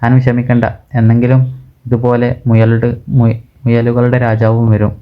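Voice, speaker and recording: A man's voice: medium pitch, completely flat delivery, normal speed, natural voice. A man voicing a scheming, hungry male jackal from a comic book reading, talking in a sly, coaxing way. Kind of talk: comic book read-aloud. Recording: dull, muffled audio.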